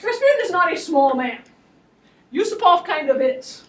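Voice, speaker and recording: A woman lecturing on history as an animated story, with wry, laughing asides, recorded in a classroom. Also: extremely high pitch, normal speed, recorded from a distance.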